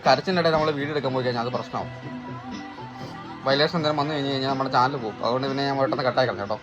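A man's voice: medium pitch, rapid-fire, muffled recording, over music. A man filming a casual family vlog at home, chatting to his viewers as guys and often tagging his lines with "you know.". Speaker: family vlogger.

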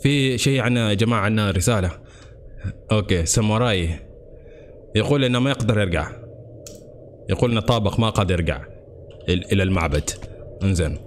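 A man comments on a horror game for his channel. He talks fast and nervously, with a lively pitch that leaps on each fright. A faint noise sits under the voice. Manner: jumpy, excitable, nervous exclamations. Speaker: gaming channel host.

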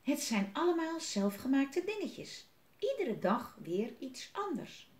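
A woman's voice: high voice, takes it slowly, roomy sound. A woman reading a picture book aloud to children, chatting and asking them questions between pages. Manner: lively, chatty, questions for kids. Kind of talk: picture-book read-aloud with asides to the listener.

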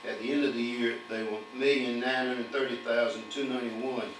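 A medium-pitched older man gives a town council its audit report, reading numerous figures in a steady, formal delivery with the occasional filler. Recorded via a podium mic and a faraway camera in the municipal chamber, the audio is echoey, distant and humming.

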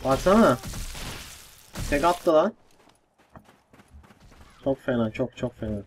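A young man giving casual let's-play commentary, excitable and swearing, with frustrated outbursts. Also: medium pitch, slow, background noise. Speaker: gaming YouTuber.

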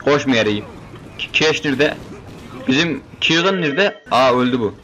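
Young male gamer host: bright, jokey, excitable, talks back at the game, keeps calling everyone "brother". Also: medium pitch, moderate pace. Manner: joking, excitable, chatting with game characters; keeps saying "brother" as a filler. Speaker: gaming video host. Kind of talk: playthrough commentary.

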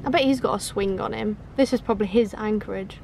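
A young woman chatting casually to camera from a sailboat at anchor, teasing and quick with exclamations. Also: medium pitch, creaky. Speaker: sailing vlogger. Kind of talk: casual vlog chat. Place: outdoors on a sailboat deck at anchor. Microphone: handheld camera at arm's length. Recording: outdoor wind and boat noise.

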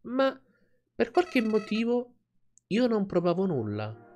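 A man's voice: sits high, huge pitch swings, slow, a little mellow, a little hiss or hum, pitched above the performer's own voice, exaggerated voice. A man reading a sad talking flower. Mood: wistful. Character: sad talking flower with a lost boy's soul. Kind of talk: reading game dialogue aloud.

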